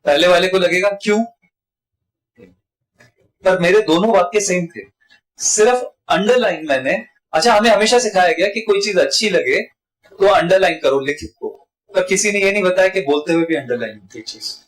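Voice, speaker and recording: A man's voice: sits high, normal speed, rough recording. A middle-aged man giving a workshop talk to a live group as a business trainer, repeating lines and shifting the stress on different words.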